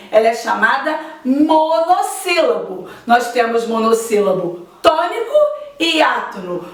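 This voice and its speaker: A woman teacher gives a slow, deliberate grammar lesson and stretches out her example words. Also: high-pitched, a bit bright, recorded from a distance. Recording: echoey room, voice off-mic.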